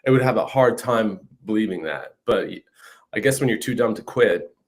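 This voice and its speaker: A Canadian guest musician from northern Saskatchewan, in his fifties, speaks at a moderate pace with a fairly low pitch. He chats casually in an interview over a video call from home, recorded on the video call mic, often adding "you know what I mean."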